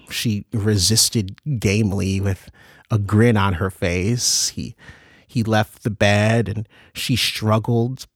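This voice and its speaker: Male narrator: gravelly, dry close-mic sound, measured audiobook delivery. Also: lowish voice, dry recording. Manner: measured, unhurried storytelling.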